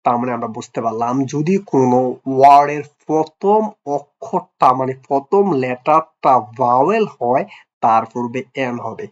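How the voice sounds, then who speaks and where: A man of middle pitch teaches a grammar lesson, checking in with "clear?" after each example and quizzing his young pupils. He talks to them with a teasing, affectionate tone. The sound is slightly dull and lo-fi. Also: animated, normal speed. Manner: repeats "clear?" and quizzes the listener. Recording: dull lo-fi recording.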